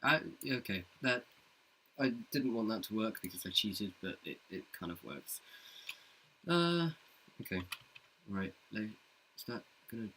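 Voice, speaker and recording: A man's voice: big pitch swings, unhurried, long pauses, fairly bright tone, a little hiss or hum, poor audio. A man thinking aloud in a casual screen-recorded tutorial, chatty and self-mocking as he works through a scene. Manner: jokes in a deep movie-trailer voice. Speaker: CG artist showing his work. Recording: keyboard and mouse clicks behind.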